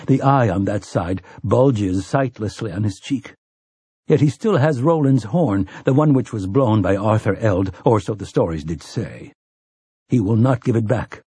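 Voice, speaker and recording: A man narrating a fantasy audiobook in a measured, intense storytelling manner with a husky voice. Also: on the low side, warm tone, no room sound. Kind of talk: scripted dramatic narration.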